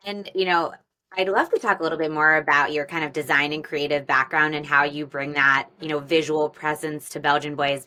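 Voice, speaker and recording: A woman's voice: low-pitched, sharp tone. A woman hosting a marketing interview podcast, asking long, rambling questions full of "you know". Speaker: podcast host. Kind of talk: casual interview chat.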